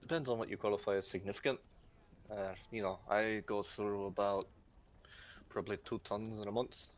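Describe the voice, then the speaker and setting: A man's voice: on the low side, steady tone, normal speed, lightly acted. Man doing an Irish-accented woman blacksmith. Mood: businesslike. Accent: Irish, put on. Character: short red-haired woman blacksmith, early thirties, brisk. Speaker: game master.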